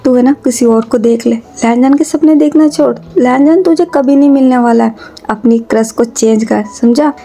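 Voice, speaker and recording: A woman's voice: on the high side, normal speed, mellow. A woman voicing a bossy, blunt young woman who talks pushily and cheekily. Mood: pushy. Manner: pushy and cheeky.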